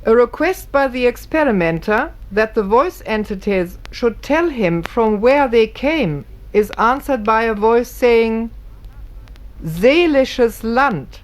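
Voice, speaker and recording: A woman's voice: a little high, animated, unhurried, few pauses. A woman giving formal, scripted narration, reading carefully and precisely.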